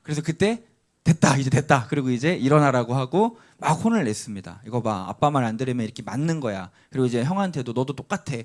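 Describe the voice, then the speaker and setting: Animated Korean pastor preaching a story. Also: male voice, mid-range voice, quick pace, few pauses. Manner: animated storytelling, acting out a child's cries. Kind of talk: sermon with a personal story. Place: church sanctuary.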